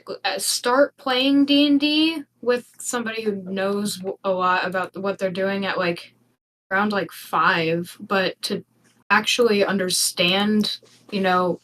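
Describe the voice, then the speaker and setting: Slow, hesitant young woman, far from mic. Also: mid-range voice. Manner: hesitant, soft-spoken. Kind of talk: casual discussion stream.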